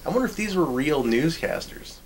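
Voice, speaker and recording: A man's voice: fairly high pitch, sing-song, brisk, slight background noise. A man commenting casually on a movie, enthusiastic and reacting in short bursts. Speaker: film commentator.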